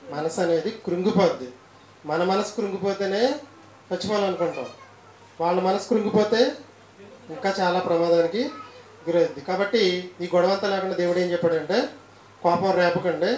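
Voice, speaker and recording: A man's voice: high-pitched, a little mellow, a little hiss or hum. Man teaching a Bible lesson, echoey. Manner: repetitive, asks questions of listeners. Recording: roomy echo.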